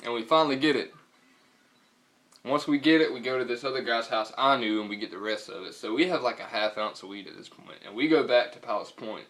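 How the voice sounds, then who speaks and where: A man's voice: mid-range voice, brisk, fairly bright tone. A young man with a Southern US accent telling a story casually in a slangy, profane, rambling way. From North Carolina, US.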